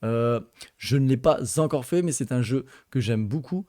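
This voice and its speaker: Male gaming youtuber, relaxed and hesitant, dark mellow voice, dry recording. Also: medium pitch, normal speed, dry recording. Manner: chatty, hesitant with frequent fillers, addresses viewers as friends. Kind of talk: casual gaming news chat.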